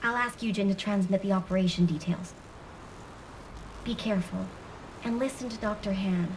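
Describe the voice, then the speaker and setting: A woman's voice: medium pitch, normal speed, natural voice. A woman voicing a serious, watchful soldier with water powers in a video game. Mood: wary, serious. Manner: serious, careful. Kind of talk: voiced game dialogue. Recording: distant, noisy with ambience behind.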